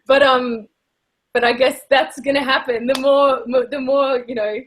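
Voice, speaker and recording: An Australian woman moderating a panel discussion, animated and easily worked up. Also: high-pitched. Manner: animated, quick to get worked up.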